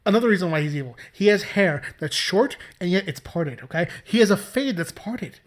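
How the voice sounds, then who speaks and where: Animated man ranting in casual chat. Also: high voice, fairly quick. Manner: animated, profane, exaggerated ranting. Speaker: podcast co-host.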